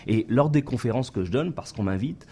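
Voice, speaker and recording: Brief: male founder guest, mellow husky voice, methodical point-by-point explainer, radio studio. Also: medium pitch, expressive, fairly quick. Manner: explains step by step in numbered points. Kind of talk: radio interview.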